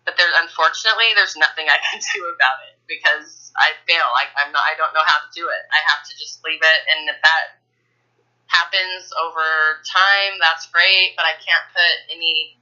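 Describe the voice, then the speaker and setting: A woman calling in for coaching, talking casually and haltingly, with many restarts. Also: low voice, steady tone, bright, forceful tone. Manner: halting, full of restarts and fillers. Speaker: caller. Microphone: phone. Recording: muffled phone line.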